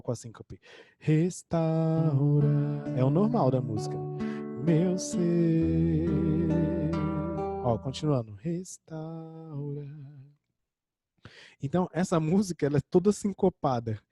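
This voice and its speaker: A man's voice: mid-range voice, animated, quick pace, few pauses, mellow. A man with a Brazilian Portuguese accent teaching an online music theory lesson, explaining a score step by step and singing short examples.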